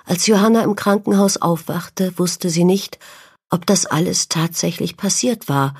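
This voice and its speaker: A woman narrating a dramatic story, letting her voice sink low at tense moments. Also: measured pace, darkish tone, slightly rough.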